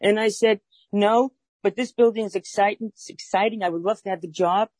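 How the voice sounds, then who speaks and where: Speaking a little fast in a steady, medium-pitched voice that's a little mellow, a woman from Brooklyn, New York, in her sixties recounts her life as an interview guest. Her Brooklyn accent comes through as she talks earnestly and plainly with the occasional filler, and the recording has no echo.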